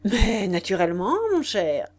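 A woman reading aloud and voicing a boastful, smooth-talking aristocratic marquis with emphatic bluster. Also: sits high, big pitch swings, a little slow.

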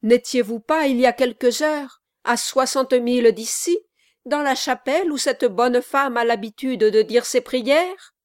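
A woman voicing a stern, indignant gentleman. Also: a little high, takes it slowly, dry recording, clean studio sound. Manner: stern, accusing. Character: stern, exasperated gentleman traveller. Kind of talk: audiobook reading.

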